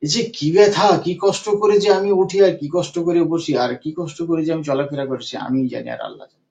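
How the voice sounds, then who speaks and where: A man's voice: a little high, fast talker, gravelly, a little mellow. A man voicing a weary middle-aged patient who repeats their complaints in a pleading, tired tone. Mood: despairing. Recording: dull lo-fi recording.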